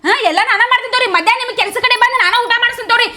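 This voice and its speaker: A woman's voice: extremely high pitch, very fast, background noise. A woman playing a snappy, sarcastic village wife. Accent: North Karnataka Kannada. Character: sharp-tongued village wife and mother. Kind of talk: comedy sketch acting. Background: loud background music.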